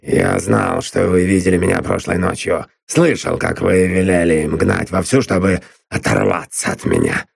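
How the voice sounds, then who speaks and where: A man reading an audiobook, voicing a gruff, sneering middle-aged male blackmailer who growls his threats. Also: sits low, normal speed, hardly any pauses, no echo, studio quality, exaggerated voice. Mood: menacing. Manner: growling, bullying.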